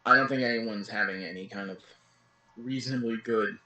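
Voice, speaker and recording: A man in casual chat as co-host, sympathetic and a little halting as he talks. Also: on the low side, pushed and bright, low-quality recording.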